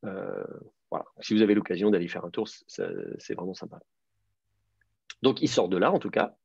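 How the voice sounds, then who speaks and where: A man's voice: low-pitched, moderate pace, vocal fry, darkish tone, husky, no room sound. A man teaching a beginners' class online, explaining at length with many fillers and restarts. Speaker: teacher of biblical Hebrew. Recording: dull, dry lo-fi sound.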